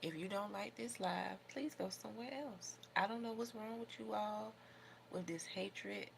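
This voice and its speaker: A woman's voice: mid-range voice, unhurried, creaky. An American woman chatting casually on a livestream as host, rambling and opinionated in an informal way, with noticeable background noise. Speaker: livestream host doing her makeup.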